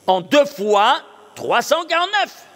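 A man with a high voice teaches a Torah lesson as a rabbi. He keeps posing questions and answering them himself, checking that his class follows along. His voice rings through a hall with a long trailing reverb. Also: sing-song, measured pace, a bit bright. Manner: checks understanding with the audience.

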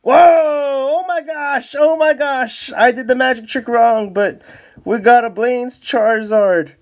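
A man casually commenting as he opens card packs off camera, bursting into high excited exclamations. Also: slow pace. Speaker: card-opening YouTuber. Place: indoors at a desk, off camera.

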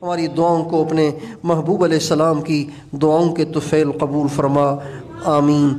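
A man's voice: a little high, flat delivery, normal speed, a little mellow. A male Islamic preacher with a Pakistani Urdu accent, leading a pleading, repetitive supplication at the end of a sermon.

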